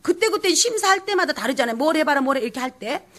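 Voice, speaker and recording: A woman from South Jeolla with a Jeolla dialect accent, teaching pansori in a lively lecture full of acted dialect and sung examples. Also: high-pitched, fast. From South Jeolla, Korea. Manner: animated, switches into dialect role-play and sung phrases.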